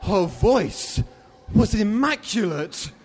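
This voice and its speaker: A man narrating a fairy-tale story in a measured, rhyming way. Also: high-pitched, animated, heavy background noise.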